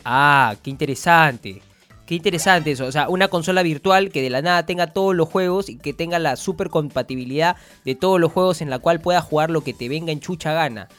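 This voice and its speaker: A man's voice: fairly high pitch, a little fast, a bit bright, soft background music, natural voice. A man playing a grumpy, foul-mouthed older doctor who rambles, stammers and throws out insults. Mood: mocking. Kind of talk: comedic character interview.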